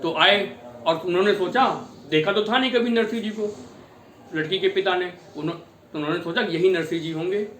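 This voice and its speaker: A man narrating a devotional story in a lively, exclamatory manner. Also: high voice, fairly quick. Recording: echoey room with faint noise.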